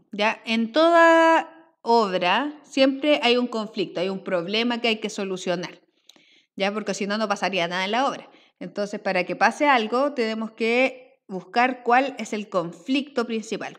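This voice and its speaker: Woman teacher explaining patiently. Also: on the high side. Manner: explanatory, checks in with frequent "¿ya?". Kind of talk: recorded language lesson.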